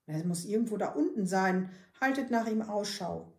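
A woman reading the lines of a young boy adventurer in a children's book, in an earnest, gently pleading way. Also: medium pitch, expressive, moderate pace, echoey room, close to an everyday voice.

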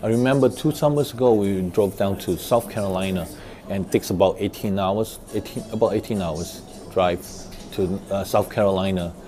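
A man in his thirties giving family road-trip tips in a casual, halting way, with many fillers and restarts, recorded on a lapel mic. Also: low voice. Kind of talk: casual how-to talk. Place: office room, then parked car.

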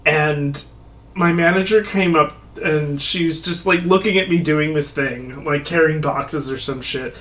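A man streaming a video game, chatting casually, mocking himself, swearing and breaking into sudden excited outbursts. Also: a little high, measured pace. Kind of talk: casual let's-play commentary.

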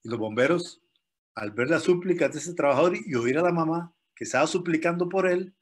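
A man's voice: a little high, a little fast, breathy edge. A man from Rica, telling a dramatic story as a motivational speaker. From Costa Rica.

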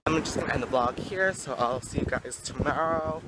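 A man's voice: on the high side, a little fast, heavy background noise. A teenage boy vlogging casually on a trip, talking to the camera with dramatic slang and gushing reactions. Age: teens. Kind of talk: casual travel vlog. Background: loud music.

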